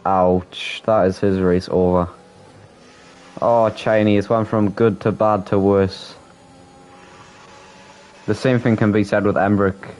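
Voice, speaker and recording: A man with a Geordie accent doing casual sim racing commentary, excitable and quick to restart his sentences. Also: on the low side. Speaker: race commentator.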